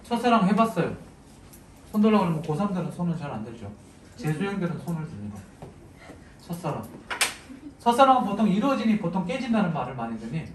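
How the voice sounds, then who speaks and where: A man with a fairly high voice gives a chatty, joking literature lesson and keeps asking his students questions. He sounds a little far from the mic in a roomy, echoing space. A clear noise runs behind him. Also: sing-song, quick pace, pauses often. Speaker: Korean literature teacher. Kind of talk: casual lecture to exam students. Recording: echoey room, mic at a distance, noisy.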